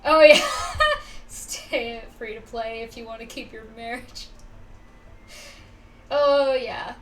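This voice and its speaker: A young woman chats casually while gaming on a livestream. Her voice is a little high and fairly bright, and she speaks slowly. The mic sounds distant, with faint background noise.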